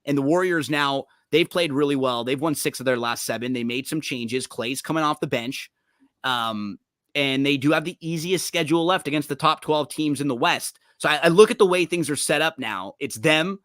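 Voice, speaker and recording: Bright, animated male podcast host. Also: fairly high pitch, dry recording, studio quality. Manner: animated, quick, restarts often. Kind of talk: casual sports chat.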